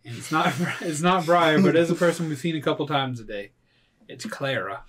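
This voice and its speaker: A man casually narrating a tabletop game as game master, telling the action in an animated, conversational way. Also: fairly high pitch, brisk.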